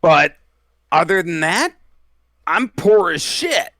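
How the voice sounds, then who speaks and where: A man's voice: high-pitched, sing-song, slow, a bit bright, dry recording. 30-something guy on a podcast, keeps saying like and dude, dry close sound. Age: 30s. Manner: filler-heavy, says "like" and "dude" constantly. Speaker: podcast guest. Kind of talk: casual podcast chat.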